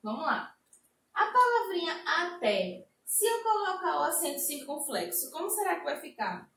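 A woman teacher with a Brazilian accent, slowly explaining a lesson to young children and drawing out her example words. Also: high-pitched, big pitch swings, creaky, fairly bright tone, slight background noise. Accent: Brazilian Portuguese. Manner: slow, sing-song explaining with drawn-out example words. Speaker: primary school teacher. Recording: echoey room, a bit distant mic.

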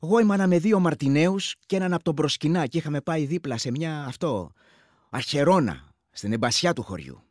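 An actor plays an earthy village war veteran with a rural Greek accent and a slightly high, somewhat mellow voice, recounting combat matter-of-factly and grimly. It's a chatty, animated radio-play monologue in colloquial storytelling style, in which he slips into other men's speech. The sound is very dry, with no echo.

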